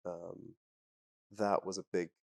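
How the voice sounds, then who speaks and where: Deep-voiced man, rambling and relaxed. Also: slow, gravelly. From Trinidad and England. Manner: relaxed, rambling with many ums and restarts. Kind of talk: casual interview talk.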